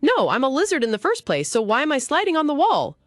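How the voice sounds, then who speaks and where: A woman's voice: sits high, huge pitch swings, quick pace, no echo, studio quality, voice pushed up. A woman voicing a frightened little girl who has turned into a lizard, speaking her anxious inner thoughts. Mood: fearful.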